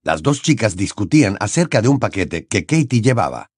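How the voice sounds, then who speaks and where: A man reading a fantasy novel aloud as an expressive audiobook narrator. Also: on the low side, normal speed, husky, no echo, studio quality. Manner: expressive storytelling with wide intonation. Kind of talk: scripted narration.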